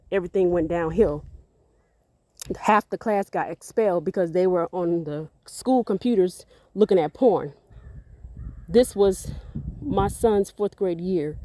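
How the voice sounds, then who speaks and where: A woman tells a long, earnest story about faith and her kids, circling back and repeating words as she goes. Her voice sits fairly low with a mellow, dark tone. She walks outdoors and sounds slightly out of breath. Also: no room sound. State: a bit out of breath. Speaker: parent vlogger. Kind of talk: casual testimony vlog.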